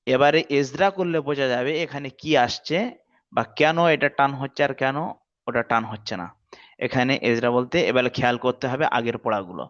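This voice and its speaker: A man's voice: medium pitch, a little fast, a bit bright. A man teaching a reading lesson, patiently drilling letter sounds with his students and praising them. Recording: dull lo-fi audio.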